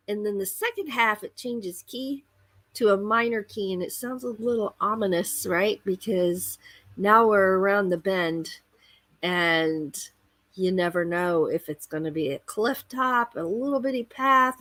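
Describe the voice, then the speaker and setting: Female host, casual livestream chat, expressive and unhurried, bright tone in a dry close sound. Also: mid-range voice, no room sound. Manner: expressive, rambling storyteller. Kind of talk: casual chatty livestream monologue.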